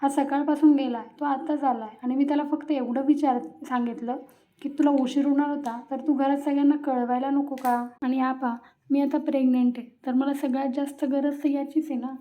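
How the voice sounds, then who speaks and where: A woman's voice: sits high, little pitch movement, brisk, warm tone, natural voice. A woman voicing an angry pregnant young wife who scolds her husband, in a reproachful read-out tone. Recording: tinny phone-like sound.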